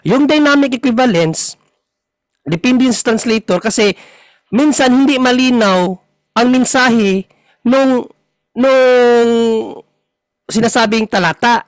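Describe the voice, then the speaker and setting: A man hosting a talk and explaining Bible verses patiently, slowing down to read passages. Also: extremely high pitch, no echo, poor audio. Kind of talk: conversational Bible teaching.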